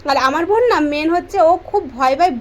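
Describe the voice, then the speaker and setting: A young woman vlogger talks to her viewers in a rapid, rushing patter. Her voice sits high and light, and a faint hum of ambience runs behind it. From West Bengal, India. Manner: says she speaks softly for this voice-over; chatty, addresses viewers directly. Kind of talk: casual vlog voice-over.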